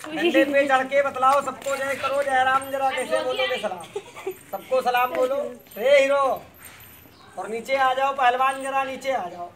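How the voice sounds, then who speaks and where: A man running a street monkey show, calling out loud teasing commands to the animals. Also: extremely high pitch, steady tone, measured pace. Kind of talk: showman's patter to a crowd. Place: outdoors at a school ground. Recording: crowd noise around. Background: children's crowd.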